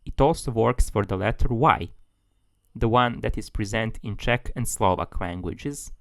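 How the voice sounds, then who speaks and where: A man's voice: lowish voice, a little slow, vocal fry, a bit bright, dry recording. A man giving a tutorial as a language tutor, explaining things steadily, step by step.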